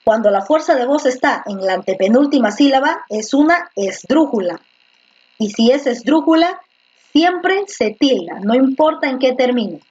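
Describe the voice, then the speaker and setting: A woman teaching remotely repeats words with patience and puts questions to her students. Her high-pitched voice is expressive and a little mellow, at a normal speed. It's captured by a computer microphone in a video class, with slightly muffled, lo-fi quality.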